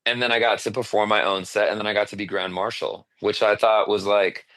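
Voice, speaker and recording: A man with a very low voice chats as an interview guest on a podcast. He tells animated, filler-heavy stories. The sound is dry and close, with little room echo. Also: a little fast. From Arizona. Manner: animated storyteller, many fillers, laughs often. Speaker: singer-songwriter guest. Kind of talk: casual interview chat.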